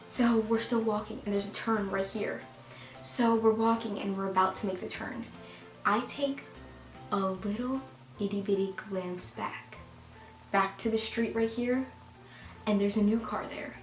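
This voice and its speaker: A woman casually telling a storytime tale, animated and full of "like" fillers, getting loud when she gets excited. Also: mid-range voice, measured pace. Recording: roomy echo with faint music.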